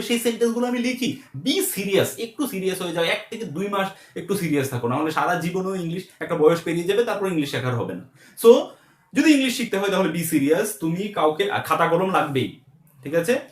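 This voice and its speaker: High-voiced teacher in an echoey room. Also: male voice. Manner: explains step by step, asks "ঠিক আছে?" and repeats examples slowly. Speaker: spoken English teacher. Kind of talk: explaining a grammar lesson.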